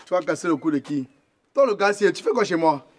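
An actor playing a confrontational eldest brother who mocks an intruder. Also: male voice, fairly high pitch, expressive, a little fast. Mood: mocking. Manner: mocking, confrontational. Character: protective young man, eldest brother of the family.

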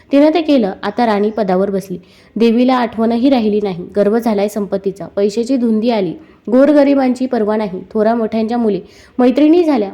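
A woman's voice: on the high side, dark tone, muffled recording, natural voice. A woman voicing a scolding old beggar woman. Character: indignant old beggar woman, a goddess in disguise.

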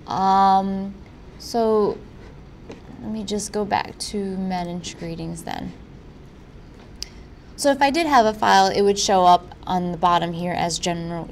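Woman narrating a software walkthrough, mid-pitched. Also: slight background noise. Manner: instructional, informal. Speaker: tutorial presenter.

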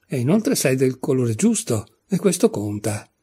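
Stern rose flower, read by a man, condescending and critical, husky dark voice, storybook. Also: medium pitch, sing-song, unhurried, heavily acted. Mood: severe.

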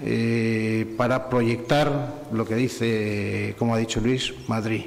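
A man's voice: on the low side, level tone, takes it slowly, gravelly, long reverb tail, slight background noise. A middle-aged man from Valencia giving effusive formal thanks at a business breakfast, speaking into a table microphone in a large hotel function room. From Valencia, Spain. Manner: warm, effusive, repetitive listing. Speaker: forum collaborator giving closing thanks. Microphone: table microphone on stand.

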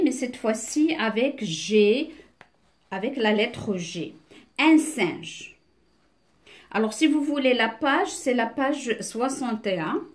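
A woman teacher reading aloud and explaining a beginners' reading lesson, carefully, with hesitant fillers and restarted words. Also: mid-range voice. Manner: slow, deliberate reading with explanations.

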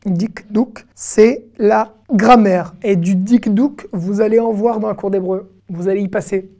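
A middle-aged woman teaching an online language lesson, patiently repeating each word slowly. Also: mid-range voice, fairly even intonation, warm tone. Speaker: Hebrew teacher.

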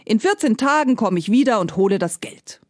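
A woman's voice: fairly high pitch, expressive, a little fast, darkish tone, dry recording, studio quality, lightly acted. A woman voicing a simple-minded male farmer who talks in a folksy, exclaiming way. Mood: naive.

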